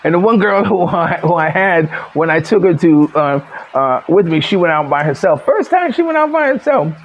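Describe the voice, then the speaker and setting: A man's voice: fairly high pitch, lively intonation, moderate pace, muffled recording, a little hiss or hum. A man vlogging in a casual, rambling storytelling monologue, full of fillers and restarts and chuckling at his own stories. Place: living in the Philippines.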